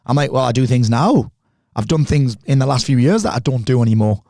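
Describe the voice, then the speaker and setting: Middle-aged man, podcast guest, animated storyteller, quick delivery, dry close mic. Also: mid-range voice, gravelly, no room sound. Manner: animated storyteller, swears freely. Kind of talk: casual conversation.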